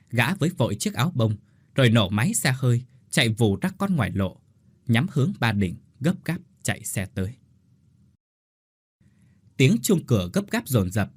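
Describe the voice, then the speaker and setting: Husky, expressive male storyteller. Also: mid-range voice, no echo, clean studio sound. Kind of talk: scripted story narration.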